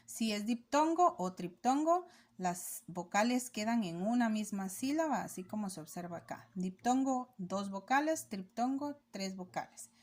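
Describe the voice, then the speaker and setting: A woman teacher with a slightly higher voice talks through a recorded lesson. She explains patiently and step by step, pausing now and then to check that her pupils are following. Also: a little mellow. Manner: patient, explanatory, checks understanding with rhetorical questions.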